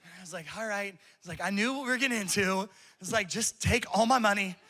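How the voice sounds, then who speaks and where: Speaking fast in a high, sharp-toned voice, a man in his thirties preaches at church. This pastor, on a church campus, tells his stories casually and laughs a lot.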